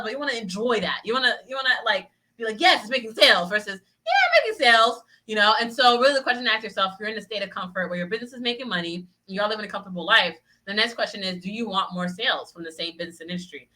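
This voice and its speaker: A woman coaching business owners in a quick, lively talk, tagging her points with "right?" as she goes. Her voice is bright and forward, and she rattles along at a brisk clip. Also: mid-range voice, rough recording. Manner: upbeat, peppers sentences with "right?"; acts out little voices of clients. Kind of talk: motivational solo podcast talk.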